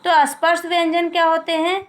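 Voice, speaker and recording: A woman's voice: very high-pitched, completely flat delivery, brisk. A woman teacher giving a recorded grammar lesson, explaining step by step, asking and answering her own questions and drawing out example sounds.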